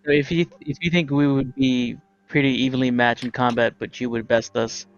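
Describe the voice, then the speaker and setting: Man, tabletop player, video call audio, choppy connection, gravelly voice, dull lo-fi sound. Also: medium pitch, level tone, brisk, soft background music. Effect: video call audio, connection breaking up.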